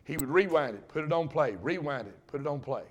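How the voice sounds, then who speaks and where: An older man preaching a sermon, folksy and emphatic, swinging from loud bursts to hushed asides. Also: on the high side, animated, fairly quick. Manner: folksy, repeats and restarts phrases. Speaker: pastor.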